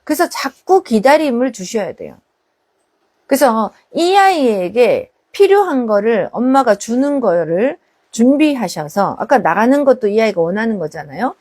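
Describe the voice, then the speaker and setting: A woman's voice: on the high side, big pitch swings, normal speed, a little mellow. A woman, a parenting counselor, answering viewers' questions on a live stream and acting out exchanges between parents and children.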